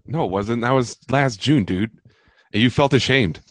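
A man's voice: medium pitch, normal speed, no echo. A man trading teasing banter with friends in casual podcast chat.

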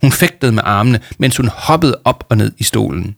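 A man reading a children's book aloud in a steady storytelling manner, with small slips. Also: mid-range voice, vocal fry, no room sound, clean studio sound. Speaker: reader.

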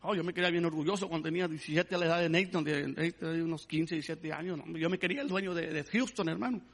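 A man's voice: on the high side, quick pace. A man preaching a sermon, calling his listeners "brother" and asking them to praise the Lord. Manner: repeats "hermano" and asks the congregation to praise the Lord. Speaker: pastor.

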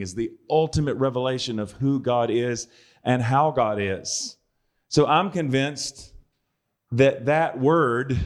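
A man gives a relaxed, conversational sermon in an ordinary, mid-pitched voice. He mixes earnest points with dry, joking asides. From United States. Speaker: preacher.

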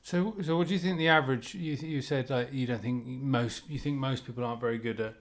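Playful, teasing podcast host. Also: male voice, medium pitch, a little fast. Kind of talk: casual podcast chat.

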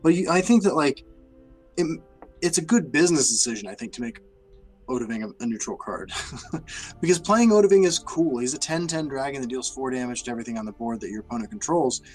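A man co-hosting a casual podcast, self-deprecating and halting, often laughing and restarting his sentences. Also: mid-range voice, lively intonation, faint music behind, low-quality recording. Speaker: podcast co-host.

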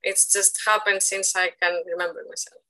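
A woman's voice: medium pitch, fairly even intonation, normal speed, sharp tone, poor audio. A woman in her thirties from Greece, speaking with a Greek accent as a guest in a casual interview, thoughtful and searching for words. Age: 30s. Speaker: guest artist.

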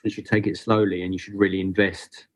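A man, chatting as a podcast guest. His voice sits fairly low, and he speaks in an earnest, unhurried way, often restarting a phrase before he finds the words. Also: little pitch movement, slightly rough. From Southeast London. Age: 30s. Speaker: guest photographer. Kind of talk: casual podcast chat.

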